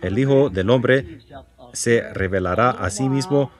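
Man, preacher, sermon and prayer, fervent, repetitive, questions to the congregation, middle pitch. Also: a little slow. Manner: fervent, repeats words and asks the congregation questions.

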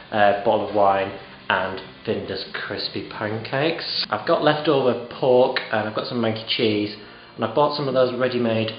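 A tired man in his thirties rambles through a cooking video with plenty of ums, poking fun at himself as he goes. His voice comes off a handheld camera in a home kitchen, with an echoey ring and a slightly dull, muffled tone. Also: medium pitch. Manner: rambling, self-mocking, lots of ums. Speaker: cooking vlogger. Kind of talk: casual vlog chat. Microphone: handheld camera close to face.

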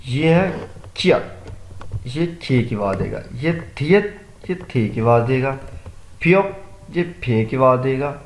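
Guy going through letter sounds one at a time, echoey room, mid pitch. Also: animated, pauses often. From Pakistan. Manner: recites each sound, then explains it. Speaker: Korean language teacher. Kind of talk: explaining Korean sounds step by step. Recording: echoey room, faint noise.

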